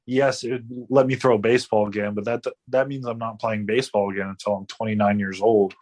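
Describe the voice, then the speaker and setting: A man's voice: fairly low pitch, flat delivery, fairly quick, darkish tone. A man in his late twenties telling his story as a guest in a casual interview, with many fillers and restarts. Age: 20s. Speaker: guest athlete.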